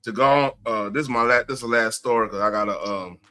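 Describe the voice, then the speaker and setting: A man co-hosting a livestream who reads news stories in casual chat, halting as he searches his screen, with hiccups. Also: mid-range voice, bright, forceful tone, faint music behind. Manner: halting, searching for things on screen mid-sentence. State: has hiccups. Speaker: livestream co-host.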